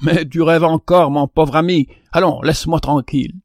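Man playing a smug lazy canary, scoffing, fairly high voice, dry sound. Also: normal speed, no echo, natural voice. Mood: mocking. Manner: mocking, condescending. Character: smug, sleepy male canary born in a cage.

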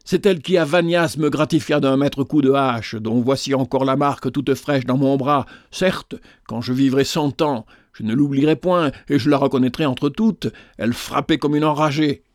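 A man's voice: mid-range voice, normal speed, few pauses, no room sound, clean studio sound, close to an everyday voice. A man voicing an agitated, vengeful male sergeant who talks vehemently in a storybook reading. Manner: excited, vehement.

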